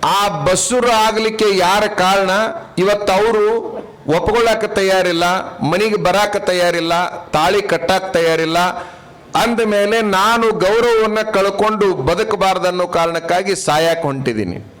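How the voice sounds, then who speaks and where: A pleading young woman in trouble, a man telling her lines, North Karnataka accent, fairly high voice, story told in a sermon. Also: unhurried, fairly bright tone. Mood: desperate. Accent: North Karnataka Kannada. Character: desperate unwed pregnant young woman.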